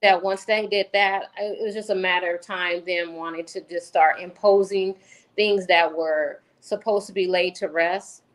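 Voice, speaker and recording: A woman's voice: on the low side, steady tone, a little slow, poor audio. A woman co-hosting a casual talk show, emphatic and often repeating her point. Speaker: podcast co-host. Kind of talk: casual chat.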